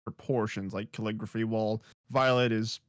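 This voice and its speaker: A man's voice: on the low side, fairly even intonation, normal speed, no room sound, clean studio sound. A man co-hosting a casual podcast chat over a voice call, easygoing and joking. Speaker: podcast co-host. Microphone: computer mic on a voice call.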